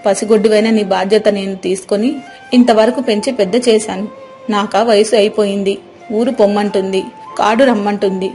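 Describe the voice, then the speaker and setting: A woman's voice: medium pitch, mellow, natural voice. A woman voicing a loving, worried old grandmother in a cartoon story, giving tender, pleading advice.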